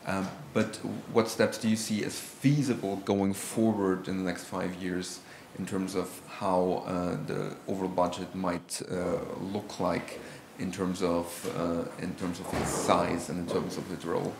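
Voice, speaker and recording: Male moderator, hesitant, very flat delivery, faint room noise. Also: deep voice, a little slow, roomy sound. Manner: hesitant, many fillers. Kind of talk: panel moderation.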